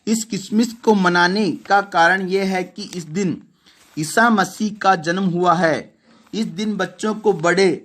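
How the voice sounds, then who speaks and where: A male primary school teacher with a high, fairly bright voice goes through a poem line by line, correcting himself along the way. He reads each line slowly and melodiously, then explains it in plain words.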